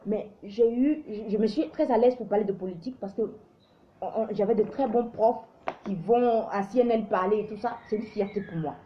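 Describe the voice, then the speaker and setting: A woman's voice: mid-range voice, normal speed, muffled recording, a little hiss or hum. A woman from Africa hosting a live show, giving opinionated commentary in an emphatic, preachy way that often stumbles and restarts.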